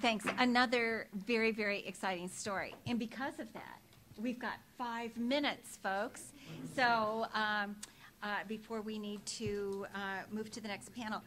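A woman moderating a conference panel in a meeting room, upbeat and brisk as she calls for questions. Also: mid-range voice, steady tone, a bit bright, slight background noise.

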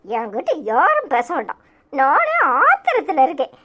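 A woman's voice: high voice, huge pitch swings, moderate pace, sharp tone, voice pushed down, full character voice. Woman voicing a weary old village grandmother. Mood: sulking. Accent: Tirunelveli Tamil. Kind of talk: cartoon voice acting.

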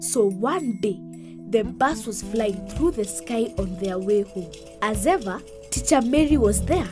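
A woman narrating a children's cartoon story with expressive, suspense-building delivery. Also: mid-range voice, unhurried, over music.

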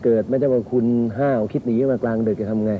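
An actor playing a young bandit, gruff but soft-hearted, talking bluntly and teasingly in a TV drama. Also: male voice, mid-range voice, steady tone, fast talker, a little hiss or hum, natural voice, rough recording. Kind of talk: TV drama acting.

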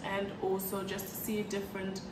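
A woman's voice: medium pitch, completely flat delivery, fairly quick. Young woman vlogging in an echoey room. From Ghana. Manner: chatty, frequent "um" fillers. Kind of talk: casual advice vlog. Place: bright living room, on a sofa by a large window. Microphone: fixed camera at a distance. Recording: roomy, distant mic with background hiss.

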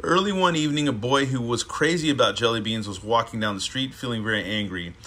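A man's voice: medium pitch, fast talker, pushed and bright. A man hosting a show, casually reading a children's book aloud with chatty asides. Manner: laid-back, chatty asides.

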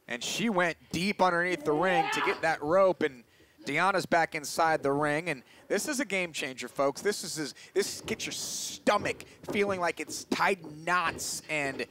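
Guy doing live wrestling commentary, voice a bit high, noisy background. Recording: clear background noise.

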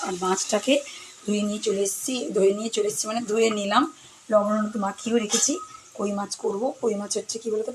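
A woman with a hoarse voice, chatting casually to her viewers in a home vlog from her kitchen and balcony. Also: a little high, noisy background. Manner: chatty, addresses viewers directly. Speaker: lifestyle vlogger.

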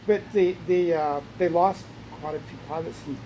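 An older man from Scotland talks in a fairly high voice, pausing and hunting for the right words. Loud crowd chatter runs behind him the whole time. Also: steady tone, highs cut off. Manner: halting, searches for words. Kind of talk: casual conversation. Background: crowd noise.

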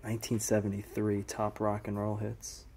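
A young man with a lowish voice talks casually to a camera held at arm's length. He narrates an exploration vlog in a relaxed, chatty way, with lots of filler words. He is recorded inside a large, empty diner, with a faint hum of room sound behind him. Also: moderate pace. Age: young adult. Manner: relaxed, chatty, with a lot of "like" and "I mean". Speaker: urban explorer vlogger host.

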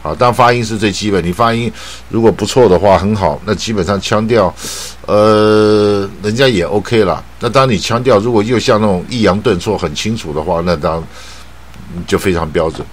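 Deep-voiced man teaching pronunciation. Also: slight background noise. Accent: Taiwanese Mandarin. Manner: slow drawn-out model words, frequent filler particles. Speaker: English teacher. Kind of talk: pronunciation lesson.

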